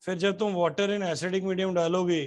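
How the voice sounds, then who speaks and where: A man's voice: high voice, fairly even intonation, a little slow, a little mellow. A man teaching chemistry to a class. He keeps asking the students questions and answers them himself, and he spells out formulas letter by letter. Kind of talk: classroom lecture.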